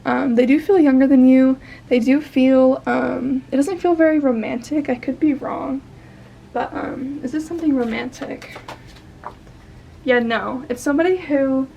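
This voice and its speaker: A young woman giving a casual tarot card reading, tired and a bit croaky, chatty and rambling with fillers and soft laughs. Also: sits high, slight background noise. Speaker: tarot reader.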